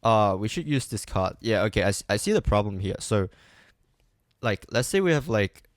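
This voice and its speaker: A man's voice: on the low side, big pitch swings, moderate pace, no room sound, clean studio sound. A man live coding and thinking aloud, hesitant and full of ums and restarts, making light fun of his own mistakes. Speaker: coding streamer.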